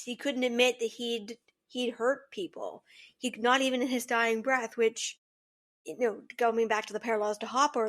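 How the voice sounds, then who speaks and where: A woman co-hosting a fan podcast, talking casually in an earnest, thoughtful, rambling way. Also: fairly high pitch. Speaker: podcast co-host.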